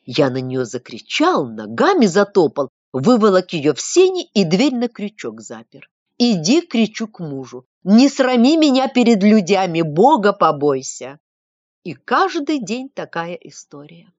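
A woman's voice: on the low side, wildly swooping pitch, unhurried, few pauses, no echo, exaggerated voice. A woman reading an audiobook, voicing a staid middle-aged townsman who tells his tale in a sanctimonious, moralizing way. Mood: self-righteous. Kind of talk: audiobook reading of a classic story. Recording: dull lo-fi dry recording.

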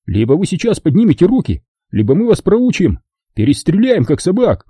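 A man voicing a hot-tempered American crook who barks orders in exasperation, with a husky voice. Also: sits high, sing-song, measured pace, no echo, studio quality, pitched above the performer's own voice, full character voice. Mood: angry. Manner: barking, exasperated shouting. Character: hot-tempered American male kidnapper, fed up.

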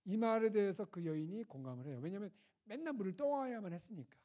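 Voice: mid-range voice, animated, fast, warm tone. A preacher at a winter retreat, retelling a scripture story in a conversational way and putting rhetorical questions to the audience. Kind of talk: storytelling sermon.

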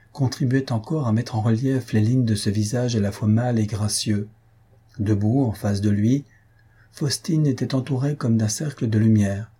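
A man narrating a classic novel as an audiobook in a measured, steady reading. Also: fairly low pitch, slightly rough.

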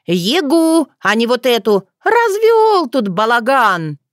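A woman voicing a brash, jealous young village girl who talks in a shrill, squabbling way. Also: sing-song, measured pace, no room sound, clean studio sound. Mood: indignant. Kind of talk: audiobook character voice.

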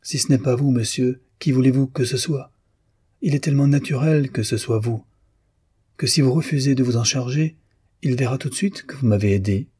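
A man voicing a proud, clever young man who answers politely and with quiet confidence. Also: mid-range voice, moderate pace, breathy edge, voice pushed up, natural voice.

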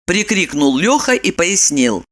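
A woman reading an audiobook, narrating with expressive, ironic storytelling. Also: on the low side, a little slow. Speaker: audiobook reader. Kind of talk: scripted narration.

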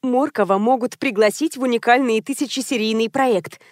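A woman voicing a pushy, scheming female publicist who talks briskly and confidently in an audiobook. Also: fairly high pitch, no echo, studio quality, close to an everyday voice.

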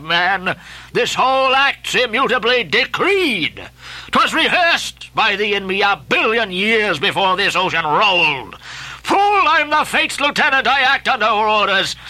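A man's voice: sits high, sharp tone, no room sound, exaggerated voice, rough recording. A man voicing an obsessed old sea captain who barks orders in grandiose, archaic speech. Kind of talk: dramatic audiobook reading.

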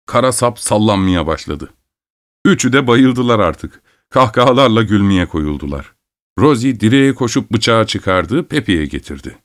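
A man narrating an audiobook in a measured, expressive storytelling manner. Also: fairly low pitch.

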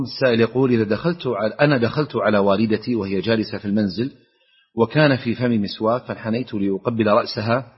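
Man, radio presenter, reading listener letters, very fast, breathy raspy voice, muffled lo-fi broadcast. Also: on the low side. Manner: formal, rapid reading with set blessings.

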